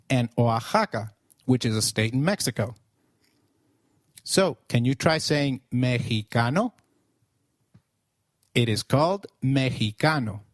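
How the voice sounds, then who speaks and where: A man with a medium-pitched voice reads a beginner language lesson from a script, upbeat and encouraging, slowing down whenever he models a word for the listener. The recording is close and dry, with no room sound around it. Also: dry recording. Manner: upbeat, slows down to model words. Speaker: language teacher.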